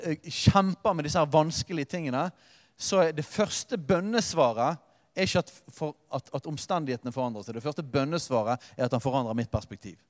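A man preaching with passion, his voice swelling into loud emphatic peaks and dropping to quiet asides. His voice sits a little high for a man. A long reverb trails behind it in a large church hall. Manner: impassioned preaching, rising and falling with emphatic repetition. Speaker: pastor. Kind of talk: sermon.

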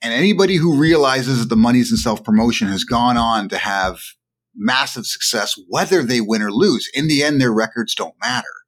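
Animated, emphatic middle-aged man. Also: mid-range voice, fairly quick. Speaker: podcast co-host. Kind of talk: casual sports chat.

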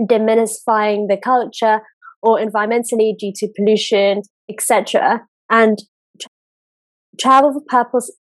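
A woman's voice: a little high, dry recording. Earnest woman guest from Kenya. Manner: earnest, thoughtful, with frequent ums and restarts. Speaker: travel business founder, guest. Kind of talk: interview answers. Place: home in Kenya.

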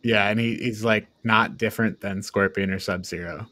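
A man speaks informally as a panelist on a podcast, reviewing films in a casual discussion and prone to chuckling and swearing. His voice is on the low side with a steady, sharp tone at a moderate pace.

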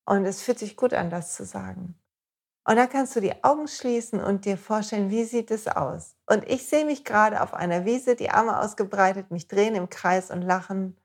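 Gentle, encouraging woman podcast host. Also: medium pitch, moderate pace. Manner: gentle, encouraging, speaks straight to the listener. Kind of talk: motivational self-help podcast talk.

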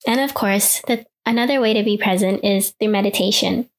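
A woman podcast host leading a guided meditation in the soothing, unhurried, gently instructing manner of a sleep story narrator. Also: medium pitch.

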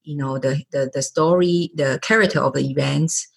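A woman's voice: low voice, steady tone, moderate pace, gravelly, husky. A middle-aged woman hosting a podcast interview, often searching for words and restarting her sentences. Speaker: podcast host.

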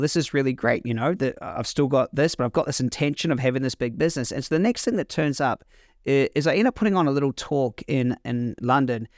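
A man's voice: medium pitch, no echo. Man telling a story, dry sound. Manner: animated, repeats words, restarts often. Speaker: podcast host. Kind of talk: storytelling monologue.

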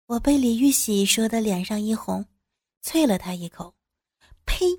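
A woman's voice: medium pitch, moderate pace, darkish tone, slightly rough, dry recording, clean studio sound. A woman narrating an adult audio drama in the first person, turning flirtatious and teasing in her character's dialogue.

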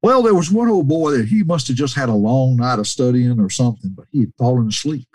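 A man's voice: animated, fast talker, a little mellow, no room sound. Man telling stories, dry sound. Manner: restarts a lot, mimics quoted people in a higher voice. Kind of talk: casual anecdotal storytelling.

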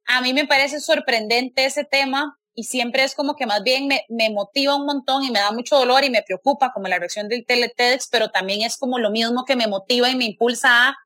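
A woman's voice: fairly high pitch, a little fast, few pauses, pushed and bright, no room sound. A woman hosting a casual conversation, talking earnestly and often tagging her sentences with "¿verdad?" and "o sea".

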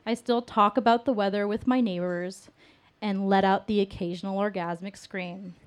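A woman telling a candid personal story to an audience in a self-mocking, lively way. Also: medium pitch, normal speed.

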